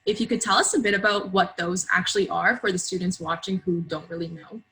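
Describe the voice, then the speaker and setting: A woman's voice: on the low side, fairly even intonation, fairly quick, bright, forceful tone. A young woman co-hosting an interview, asking the guest plain, curious questions. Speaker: co-host.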